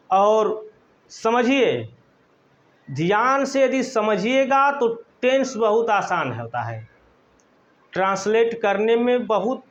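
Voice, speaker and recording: A man with a Hindi accent teaching English grammar in a lesson, dictating slowly and repeating each phrase so students can write it down. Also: high voice. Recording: dull lo-fi recording.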